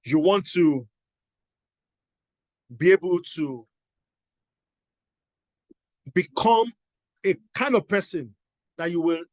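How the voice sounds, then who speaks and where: A man's voice: high voice, lively intonation, slow pace, pauses often, darkish tone, no room sound. A middle-aged man giving a motivational teaching talk, emphatic and repeating his exhortations. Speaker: motivational coach.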